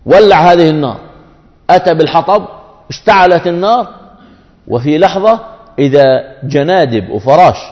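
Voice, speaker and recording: A man's voice: fairly high pitch, a little mellow. A man preaching a sermon to his brothers, emphatic, repeating key phrases to press his point. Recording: dull sound with long hall echo.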